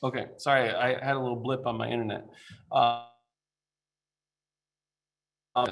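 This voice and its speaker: A man speaks remotely over a video call, walking a council through a building design. His delivery is informal and halting, full of fillers and restarts, at a middling pitch. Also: little pitch movement, a bit bright. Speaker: architect presenting a building design. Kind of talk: presentation to a council.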